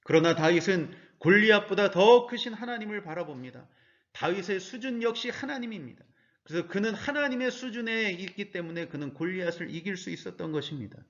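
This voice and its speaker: Earnest male preacher with a higher voice; muffled, low-fidelity church sermon recording. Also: lively intonation, brisk. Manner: earnest preaching with rhetorical questions. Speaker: pastor.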